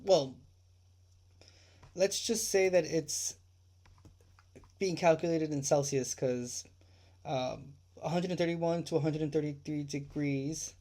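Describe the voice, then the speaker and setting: A man's voice: a little high, takes it slowly, pauses often, mellow. A man hosting a true crime livestream, ranting indignantly with swearing and rhetorical questions, repeating his points.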